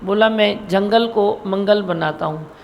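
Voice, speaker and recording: A woman's voice: medium pitch, a little slow, gravelly, muffled recording. An older woman giving a devotional discourse as a spiritual leader, teaching earnestly and repeating her points with quoted verses. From India. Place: hall during a satsang gathering. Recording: faint background noise.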